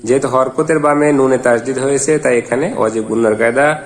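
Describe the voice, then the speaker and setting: A man teaching Quran reading. He spells out letters and vowel marks one by one, then chants each verse slowly. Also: mid-range voice, steady tone. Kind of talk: step-by-step recitation lesson.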